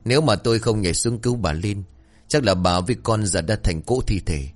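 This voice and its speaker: A man voicing a steady middle-aged village father who talks in a calm, reassuring way. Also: fairly low pitch, brisk.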